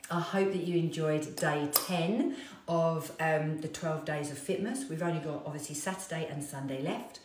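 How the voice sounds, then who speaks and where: A low-pitched woman chats to her viewers as a fitness trainer, animated and self-mocking. She sounds a little distant from the mic, and the room around her rings with echo. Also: normal speed, background noise. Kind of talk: casual storytelling chat to viewers.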